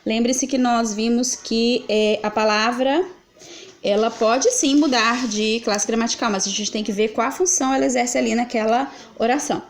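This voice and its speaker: A woman walks through grammar exercises, patient and methodical, asking questions and answering them herself. Her voice sits a little high for a woman. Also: normal speed. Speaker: Portuguese teacher.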